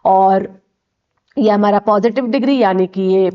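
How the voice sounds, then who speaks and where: A woman's voice: medium pitch, a little slow, clean tone, dull audio. A woman teaching an English grammar lesson from slides, explaining step by step and often checking in with "okay".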